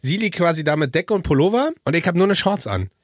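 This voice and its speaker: A man's voice: fairly high pitch, animated, fast talker, dry recording, studio quality. A man co-hosting a casual podcast, chatting and joking playfully. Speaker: podcast co-host.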